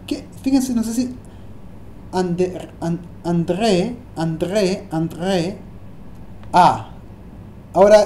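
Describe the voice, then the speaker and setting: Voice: medium pitch, warm tone, reverberant, a little hiss or hum. A Hebrew teacher gives a language lesson, often hesitating and repeating words while thinking aloud.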